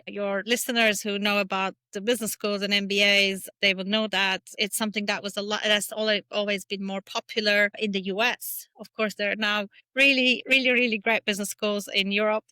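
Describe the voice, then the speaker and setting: Bright, clear-voiced woman from Turkey. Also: medium pitch, dry recording. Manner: thoughtful, with many fillers and restarts. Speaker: podcast guest. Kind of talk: casual interview talk.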